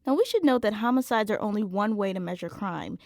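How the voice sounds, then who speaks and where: A woman co-hosting a public radio podcast, narrating a script in a measured, clear way. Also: medium pitch, animated, a little mellow, no room sound. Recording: dry studio with faint music bed.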